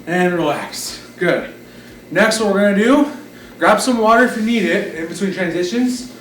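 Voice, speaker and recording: High-voiced male fitness instructor, echoey room. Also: animated, normal speed, a bit bright, a little hiss or hum. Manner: encouraging, short coaching cues and counts. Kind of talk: live exercise class instruction with counting. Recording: roomy echo, distant mic, background music. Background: music.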